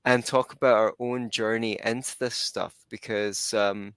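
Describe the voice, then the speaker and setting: A man hosting a podcast interview, talking in a relaxed, rambling way with fillers. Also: fairly low pitch, measured pace, clear, resonant tone, no room sound. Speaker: podcast host. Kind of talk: conversational interview.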